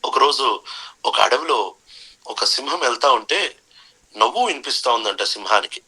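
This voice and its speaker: Emphatic male preacher with a husky, bright voice. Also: mid-range voice, expressive, moderate pace, rough recording. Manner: emphatic, repeats key phrases, mixes in English phrases. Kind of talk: sermon.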